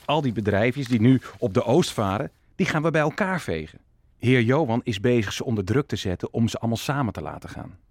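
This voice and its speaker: An actor playing an ambitious, calculating prince in a historical radio play, persuasive and commanding. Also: male voice, medium pitch, animated, fairly quick, no echo. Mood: eager scheming. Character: scheming Dutch prince, ambitious and calculating statesman. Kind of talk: audio drama acting.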